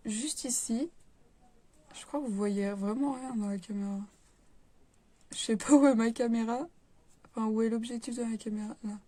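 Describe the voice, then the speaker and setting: A young woman with a fairly high, darkish voice chats casually to her camera at home while reviewing a beauty kit. She's a beauty vlogger who rambles, packing her talk with filler words and self-corrections. There's a slight hiss or hum on the recording.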